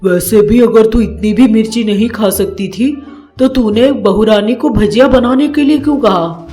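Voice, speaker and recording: A woman's voice: fairly high pitch, moderate pace, dark tone, natural voice. A woman voicing a joking, easygoing father-in-law in a storybook tale. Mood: chiding. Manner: joking, wry. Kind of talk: storybook narration with acted voices. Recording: roomy echo, faint background music.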